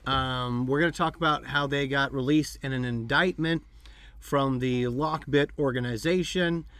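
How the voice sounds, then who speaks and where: A man's voice: mid-range voice, moderate pace, a bit bright, no echo. A man hosting a podcast, chatting casually and rambling with fillers and restarts. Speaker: podcast host. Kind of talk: casual chat.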